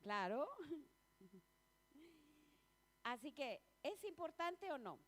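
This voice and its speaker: High-voiced woman preaching, chatty and personal. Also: sing-song, very slow, a bit bright. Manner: chatty and personal, asks the congregation questions; laughs often between points. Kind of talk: sermon. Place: church.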